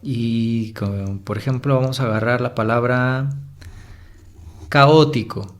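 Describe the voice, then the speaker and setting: A man's voice: medium pitch, steady tone, a little slow. A man tutor teaching a recorded lesson, stretching out words to show stressed syllables, with frequent fillers.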